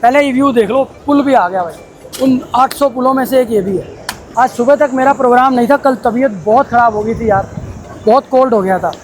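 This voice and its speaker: Excited man vlogging from a toy train. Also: very high voice, a little fast, slight background noise. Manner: chatty, excited, addresses viewers as brothers. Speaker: travel vlogger. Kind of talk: casual travel vlog narration. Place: aboard a mountain toy train and on station platforms.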